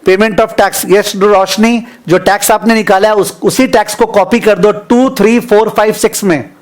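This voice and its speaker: A high-pitched male teacher with an Indian English accent leads a live online finance class. He reads out figures slowly and repeats them for dictation. Between numbers he teases his students by name. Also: steady tone.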